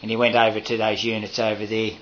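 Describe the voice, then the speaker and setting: A man's voice: on the low side, completely flat delivery, quick pace, a bit bright, highs cut off, a little hiss or hum. A man, talking to a handheld camera outdoors at a house in a rambling home-video vlog full of fillers and restarts. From Australia. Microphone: handheld camera mic.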